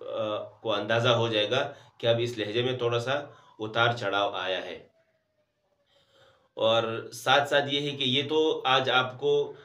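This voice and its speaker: A man teaches Quran recitation in a calm, methodical way, moving between plain explanation and long, slow melodic chanting of verses. His voice is bright and forceful. The recording has a roomy, echoing sound. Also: mid-range voice. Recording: roomy echo.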